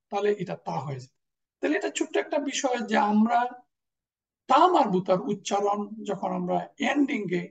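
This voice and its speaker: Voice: medium pitch, darkish tone. A teacher, patiently explaining grammar and repeating each example word. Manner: patient explanation, repeats example words, mixes in English terms. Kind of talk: classroom lecture. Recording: voice distant from the mic.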